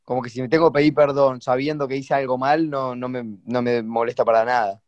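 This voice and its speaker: A man's voice: mid-range voice, fairly even intonation, fairly quick, a little mellow, no room sound, lo-fi sound. Male student, unsure, dry close sound. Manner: hesitant, searches for words. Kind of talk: classroom discussion.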